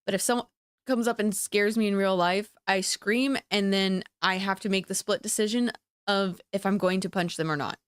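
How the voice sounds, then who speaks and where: Woman streamer with the hiccups, smooth voice. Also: medium pitch, steady tone, moderate pace, no echo. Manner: chatty, exasperated and rambling. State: has the hiccups. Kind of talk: casual chat to stream viewers.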